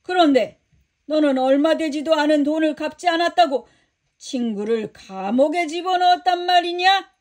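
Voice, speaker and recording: A woman's voice: moderate pace, a little mellow, natural voice. A woman doing a stern commanding master. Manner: booming scolding.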